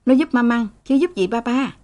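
A woman's voice: fairly high pitch, lively intonation, normal speed, mellow, pitched above the performer's own voice, natural voice. A woman reading a story, voicing an irritable, sleepy father who scolds his children. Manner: scolding, curt.

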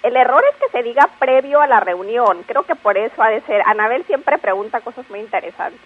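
A woman patiently explaining word usage on a radio language segment, spelling out examples slowly. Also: fairly high pitch, lively intonation, slightly rough. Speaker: language expert guest. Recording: phone-like radio line.

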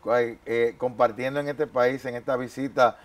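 A man's voice: mid-range voice, fairly even intonation, normal speed. A man hosting a television interview on a faith program, speaking formally with thanks and greetings.

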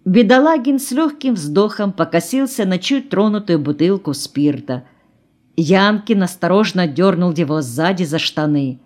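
A woman narrating an audiobook in a calm, measured reading voice. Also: lowish voice. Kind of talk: scripted narration.

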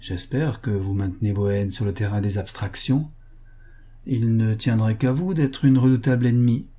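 A man reading the part of a proud young prince in an audiobook, with a light, mocking tone and a husky voice. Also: lowish voice, normal speed, mellow, lightly acted.

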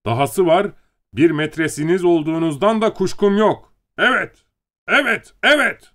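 A man voicing a drunk young male writer who shouts angry accusations in an audiobook. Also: fairly high pitch, lively intonation, moderate pace, pitched above the performer's own voice, natural voice. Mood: furious.

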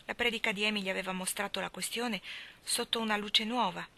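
Woman reading a novel aloud, bright tone. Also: mid-range voice, fairly even intonation, gravelly. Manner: measured literary narration. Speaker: reader.

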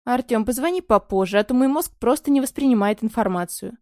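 A sleepy, cheeky young woman, drowsy and quiet with a teasing edge, as a woman reads her aloud. Her voice sits fairly high in a dry, close audiobook recording. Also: fairly quick, no room sound, lightly acted. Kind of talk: audiobook reading.

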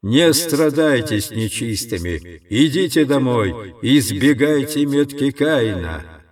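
A man reading an audiobook, putting on a slow, sing-song, preacher-like voice that calls out over distant loudspeakers. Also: mid-range voice, animated, pitched above the performer's own voice. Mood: chanting. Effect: distant loudspeaker broadcast.

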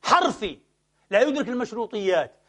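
A man delivering a Friday sermon, putting rhetorical questions to his congregation and moving between quick asides and slow, emphatic lines. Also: sits high, sing-song, fairly bright tone. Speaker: preacher.

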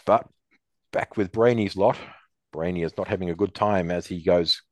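A man hosting a podcast, recapping a cartoon episode in lively storytelling. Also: low-pitched, normal speed, no room sound. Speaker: podcast host.

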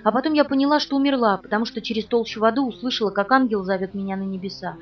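Female audiobook narrator, quick and dramatic, faint music underneath. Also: a little high, distant mic, dull audio. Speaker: audiobook reader. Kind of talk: audiobook narration in first person.

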